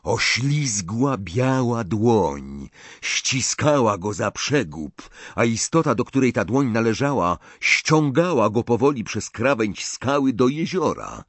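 A male audiobook narrator with a measured, unhurried pace and a voice that moves expressively up and down. His pitch sits in the middle for a man. The recording is dry and close to the mic. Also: sing-song, no room sound.

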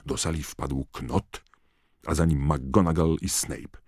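Very deep, husky male audiobook narrator. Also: fairly even intonation, slow pace, darkish tone, dry recording, studio quality. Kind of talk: audiobook reading.

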